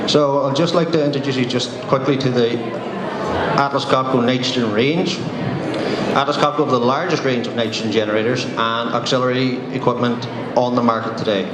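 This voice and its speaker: A man in his thirties with a Donegal Irish accent, giving a conference presentation as a sales engineer. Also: mid-range voice. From Donegal, Ireland. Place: conference room, indoors. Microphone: handheld microphone, recorded by a distant camera. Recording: roomy echo, loud room noise.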